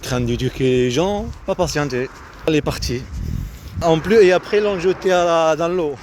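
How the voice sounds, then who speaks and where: Speaking at a moderate pace in a fairly high voice, this man delivers an unplanned, meandering monologue beside a road with vehicles going by. His phrases come out fragmented and repetitive as his mind drifts, with traffic clearly audible on the noisy street recording.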